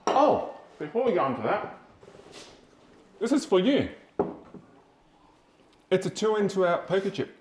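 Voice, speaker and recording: A man's voice: sits high, sing-song, measured pace, pauses often, background noise. A man with an Australian accent co-hosting a casual podcast chat, talking in a loose, chatty way with fillers and easy laughter. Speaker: podcast co-host. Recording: echoey room.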